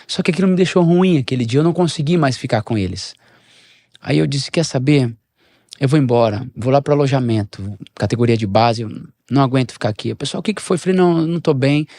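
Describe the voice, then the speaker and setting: A middle-aged man, a pastor, telling a personal story, acting out the dialogue. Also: dry recording. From Brazil. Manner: animated storyteller, shifts pitch and level, acts out dialogue. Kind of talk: storytelling in a podcast interview.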